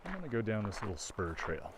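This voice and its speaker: A man's voice: lowish voice, sing-song, quick pace. A man casually narrating a nature walk outdoors by a babbling creek, musing in an easygoing, appreciative way. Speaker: host of walking videos. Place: outdoors on a forest mountain trail by a creek. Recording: clear outdoor nature noise.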